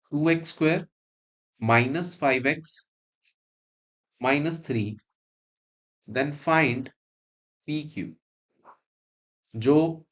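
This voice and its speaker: A male teacher with an Indian accent explains things in a mid-pitched voice. He moves step by step between English and Hindi, repeating phrases and checking that learners follow. The recording is dull and lo-fi. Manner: instructive, repeats phrases, checks understanding with short questions. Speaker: maths teacher.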